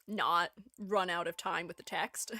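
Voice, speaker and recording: A woman's voice: on the low side, lively intonation, slow, bright, forceful tone, dry recording, studio quality. A woman streamer chatting casually, giggly and loose, with lots of "like" and "um".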